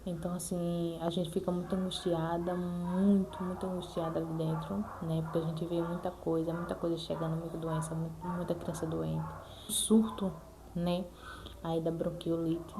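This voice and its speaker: A Brazilian mother vlogs casually and earnestly to her viewers, repeating herself and often checking in with them. Her voice sits on the low side with a flat delivery at a moderate pace, over a noisy background.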